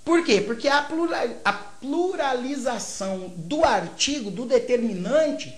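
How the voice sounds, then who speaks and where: Extremely high-pitched and expressive, a man speaks at a measured pace as he teaches grammar. He's from Brazil with a Brazilian Portuguese accent, explaining step by step and checking in regularly with short tag questions. Echo from the room is audible.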